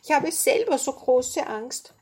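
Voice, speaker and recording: A woman's voice: high-pitched, sing-song, measured pace, a little mellow, pitched above the performer's own voice. A woman voicing a shy, lonely little dragon who talks timidly in a story read aloud. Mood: sad. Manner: timid, whispery.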